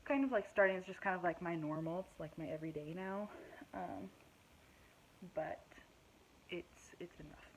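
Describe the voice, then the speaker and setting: A woman's voice: lowish voice, moderate pace, pauses often, slight background noise, low-quality recording. A young woman giving a casual pregnancy update vlog, out of breath, rambling with lots of fillers and self-deprecating asides. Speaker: vlogger.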